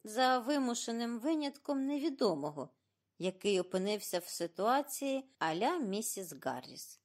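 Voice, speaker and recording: Woman narrating an expressive audiobook. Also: on the high side, normal speed. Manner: expressive, animated reading.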